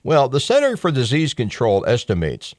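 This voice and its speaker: Speaking into a close studio mic, this middle-aged American talk radio host rambles through a folksy, opinionated monologue full of emphatic asides. His medium-pitched, slightly mellow voice swoops wildly at a normal pace, and the studio recording is clean with no room sound.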